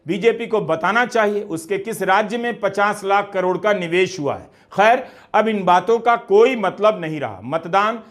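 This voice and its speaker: A man delivering scripted political commentary in a measured, critical tone with rhetorical questions. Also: sits high, fairly bright tone, faint music behind. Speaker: news commentator.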